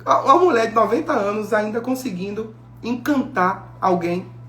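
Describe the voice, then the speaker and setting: Female preacher, lively sermon delivery, roomy echo with soft music behind. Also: medium pitch, moderate pace. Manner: animated storytelling, acting out biblical dialogue. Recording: echoey room with faint music.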